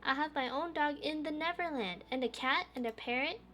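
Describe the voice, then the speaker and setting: A woman's voice: a little fast, a bit bright, faint music behind. A woman doing a small pleading little girl. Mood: eager. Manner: high, pleading, insistent.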